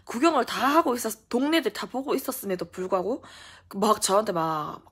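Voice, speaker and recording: A young adult woman vlogger telling a story in a casual storytime style, animated and full of fillers. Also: fairly high pitch, a little fast, breathy edge.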